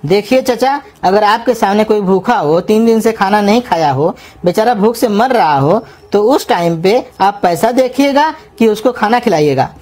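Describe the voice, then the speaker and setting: A woman voicing a scheming young man who coaxes and flatters to get free food in a comedy cartoon. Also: medium pitch, normal speed, few pauses, natural voice. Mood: persuasive. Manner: coaxing, flattering, persuasive. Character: scheming young man, sweet-talking and crafty. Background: music.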